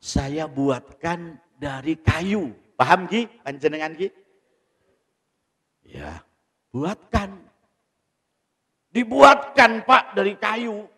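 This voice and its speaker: A man's voice: high-pitched, expressive, extremely slow, long pauses, sharp tone, husky. A man preaching a sermon in a mosque, telling a story and asking the audience rhetorical questions. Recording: echoey mosque hall.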